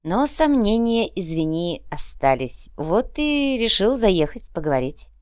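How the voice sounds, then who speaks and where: A woman's voice: medium pitch, big pitch swings, a little slow, smooth, dry recording, studio quality. A woman doing a smug male sorcerer. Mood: amused. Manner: easy, amused, explaining.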